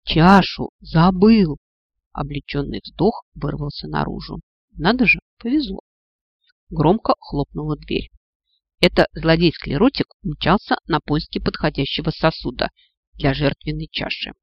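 Man narrating an audiobook, wry and high-pitched. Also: moderate pace, gravelly, slightly rough, dry recording, muffled recording. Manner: wry, lively first-person storytelling.

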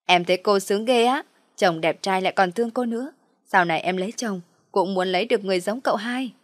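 A naive young maid, cheerful and eager, chattering quickly to her mistress, as a woman reads her. The voice is dry and close, pitched at an ordinary height for a woman. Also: no echo, close to an everyday voice.

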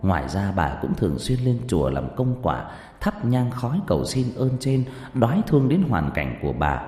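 A man's voice: very animated, moderate pace. A man narrating a ghost story theatrically, with reverb and faint music behind. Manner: theatrical, swinging pitch and loudness.

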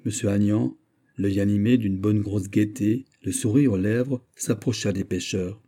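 A man reading a classic novel aloud in a measured, even way. His voice is deep, very dark and mellow, with a husky edge. The pace stays steady throughout. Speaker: audiobook narrator. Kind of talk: scripted narration.

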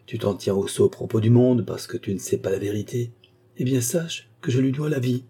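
A man reads an audiobook at a moderate pace in a natural, mellow, slightly rough mid-range voice. He raises his voice to play a frail, stubborn, emotional old marquis, sounding insistent and emotional.

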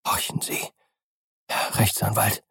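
A man voicing a frightened, loyal old servant who speaks in a hushed, fearful way, with a gravelly voice. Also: medium pitch, expressive, slow, no room sound, clean studio sound, exaggerated voice.

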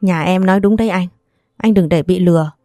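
A scheming middle-aged sister-in-law with a wheedling, complaining way of talking, as a woman storyteller puts her on. Low, mellow voice, dry close sound. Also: fairly quick, no echo, natural voice.

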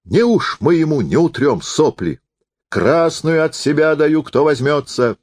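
A man voicing a hot-tempered old foreman who gives gruff, commanding orders to his workers. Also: mid-range voice, animated, a little slow, no room sound, clean studio sound, pitched above the performer's own voice. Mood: stern.

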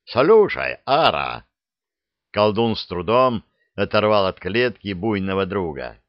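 A man narrating a comic fairy-tale audiobook in a lively, expressive storytelling manner. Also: on the low side, moderate pace, dry recording, dull audio.

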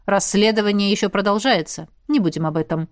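A woman's voice: mid-range voice, no room sound, studio quality, natural voice. A woman reading an audiobook and voicing a reserved young investigator who speaks curtly and chooses his words carefully. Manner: curt, grumbling, measured. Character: reserved young man, gruff investigator older brother. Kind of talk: audiobook character voice.

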